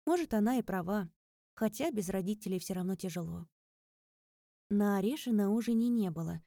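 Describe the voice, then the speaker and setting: A woman narrates a first-person story with a wry edge. Her voice is warm and mellow. The recording is dry and close to the mic. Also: mid-range voice, animated, fairly quick, vocal fry, no room sound. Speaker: audiobook narrator. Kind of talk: scripted narration.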